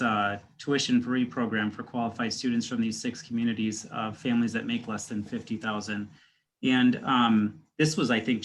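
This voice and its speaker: Male instructor, mid-range voice, supportive, halting online delivery. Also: mid-range voice, fairly bright tone, slight background noise. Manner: encouraging, hesitant with many fillers. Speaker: course instructor moderating student presentations. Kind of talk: online class discussion. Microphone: video call.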